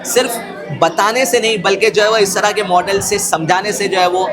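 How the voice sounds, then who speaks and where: A man's voice: high-pitched, steady tone, moderate pace, music in the background. Man, from India, encouraging, short interjections, off-mic, busy crowd behind. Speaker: visiting guest at a school. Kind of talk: casual questions and praise.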